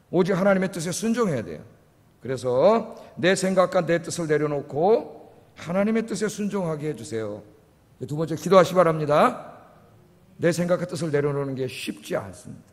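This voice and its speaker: A middle-aged male pastor preaches with a sore throat, pressing the congregation with rhetorical questions. His voice sits high and swings widely in pitch. It rings with a long reverb through the sanctuary. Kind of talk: sermon. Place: church sanctuary. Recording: long church-hall reverb.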